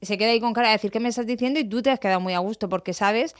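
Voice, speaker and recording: A middle-aged woman hosting a radio show, chatting playfully with quick banter. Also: medium pitch, dry recording, studio quality. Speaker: radio host. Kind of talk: casual radio chat.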